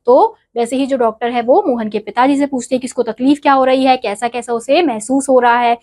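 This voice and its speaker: Lesson narrator: woman teacher, explanatory, talks to students, slightly high voice. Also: steady tone, fairly quick, darkish tone. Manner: explanatory, addresses students directly. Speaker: Hindi teacher. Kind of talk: explaining a school textbook play.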